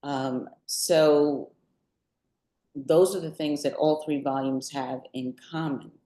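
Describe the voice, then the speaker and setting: In an echoing live event space, an older woman, a poet and artist being interviewed at a book event, reflects on her own creative work. Her deep, mellow voice stays steady and unhurried, and she pauses deliberately mid-sentence, measured and thoughtful.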